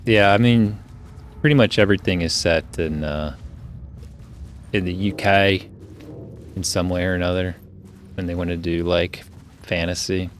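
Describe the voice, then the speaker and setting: A man's voice: sits low, fairly even intonation, measured pace, pauses often, slight background noise. A young man streaming a game from a home room, rambling casually with lots of filler words into a desk mic. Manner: rambling, filler-heavy musing. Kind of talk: casual gameplay commentary.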